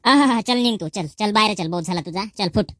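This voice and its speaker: A woman playing a sharp-tongued old village mother-in-law who scolds and taunts without pause. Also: mid-range voice, lively intonation, no echo, studio quality. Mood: furious. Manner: nagging, taunting, rapid scolding. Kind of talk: rural comedy skit.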